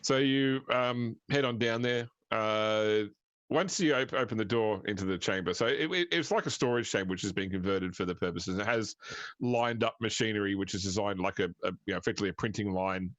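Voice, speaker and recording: Low-voiced man game-mastering, dry sound. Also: fairly bright tone, no room sound, lo-fi sound. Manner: halting, pieces descriptions together as he goes. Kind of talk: improvised tabletop game narration.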